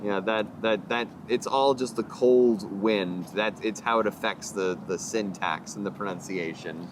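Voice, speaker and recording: A young man, a comedian guest, trading quick wry banter in a casual chat. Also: lowish voice, noisy background.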